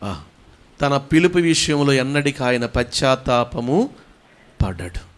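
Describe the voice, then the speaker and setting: A man preaching a sermon, swinging from loud fervent calls to low quiet lines. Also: big pitch swings, slow, clear, resonant tone. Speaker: pastor.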